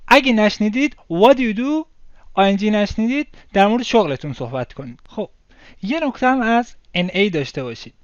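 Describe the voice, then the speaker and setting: High-voiced man teaching English phrases. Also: animated, no room sound. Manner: explains step by step, repeats English phrases slowly. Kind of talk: casual language lesson. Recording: dull lo-fi sound with faint music.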